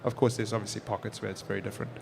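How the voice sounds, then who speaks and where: This guest, a forty-something technology executive with a South African accent, gives easygoing interview answers at a live podcast on an expo stage. His voice is low, gravelly and darkish, rapid-fire with little pitch movement, over a little hiss or hum.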